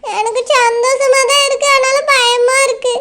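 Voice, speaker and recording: An actress playing a timid young village bride who is eloping at night, fearful and tearful. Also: female voice, very high-pitched, fairly even intonation, moderate pace, bright, forceful tone. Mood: torn. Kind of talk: village comedy drama acting.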